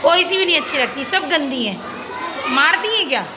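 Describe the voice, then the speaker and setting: A young woman with a high voice vlogs casually from a school, a schoolteacher chatting and coaxing a child with questions on a phone she holds as she walks. Loud crowds of children chatter around her, and steady noise fills the background. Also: a little fast. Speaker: schoolteacher and vlogger. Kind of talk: casual vlog chat. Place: school grounds and corridors. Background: children playing and chatter.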